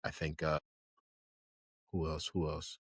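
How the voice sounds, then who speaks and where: A man's voice: a bass voice, monotone, slow, fairly bright tone, slightly rough, dry recording, clean studio sound. A man co-hosting a casual podcast chat, rambling with lots of fillers and enthusiasm. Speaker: podcast co-host. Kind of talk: casual chat about anime.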